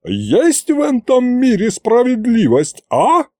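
A man voicing a brash, indignant older woman who shouts in folksy dialect speech. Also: extremely high pitch, wildly swooping pitch, takes it slowly, no echo, clean studio sound, pitched above the performer's own voice, exaggerated voice.

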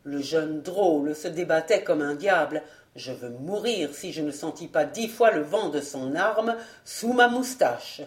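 A woman's voice: sits low, expressive, measured pace, reverberant, pitched below the performer's own voice. Woman doing a grumbling tipsy old steward. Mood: sulky. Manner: muttering, sulky. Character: grumbling, sleepy, tippling male old steward.

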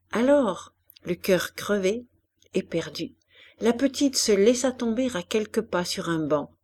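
A woman reading a classic novel aloud as an audiobook, with expressive, varied delivery. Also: on the low side. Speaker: audiobook reader. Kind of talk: expressive literary narration.

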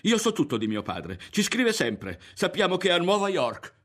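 A man's voice: on the high side, big pitch swings, unhurried, fairly bright tone, voice pushed up. A man voicing a proud, touchy boy who speaks in a raised, insistent voice in an audiobook reading. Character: proud, touchy boy defending his father.

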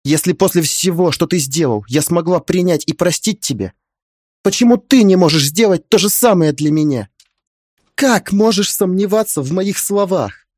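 A man's voice: lively intonation, normal speed, a little mellow, no echo, studio quality. A man voicing a young pregnant woman who pleads and insists through tears, in an audiobook reading. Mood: tearful insistent. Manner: pleading, high-strung, insistent.

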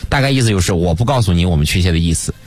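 Deep-voiced husky male teacher, fast and animated, radio guest, dry studio sound. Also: no echo. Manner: lively storyteller, mimics English accents. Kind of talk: radio talk show chat.

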